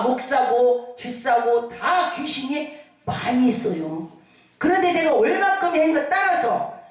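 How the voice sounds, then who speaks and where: A woman pastor preaching a lively sermon, calling out hallelujahs and acting out the people in her stories. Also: sits high. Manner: animated preaching with shouted hallelujahs and acted-out quotes. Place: church hall. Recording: echoey hall from far off.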